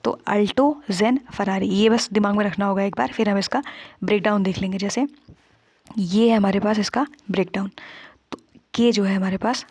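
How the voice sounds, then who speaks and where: A woman's voice: mid-range voice, steady tone, normal speed, a little mellow, slightly rough, no echo. A woman teacher working through past exam questions step by step, often checking in with her students. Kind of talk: exam-prep lesson solving past papers.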